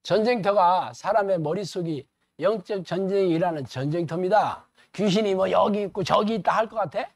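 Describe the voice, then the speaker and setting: A man preaching a sermon lecture as a pastor, animated and colloquial, firing rhetorical questions at the audience. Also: high-pitched, fairly quick, hardly any pauses, no room sound.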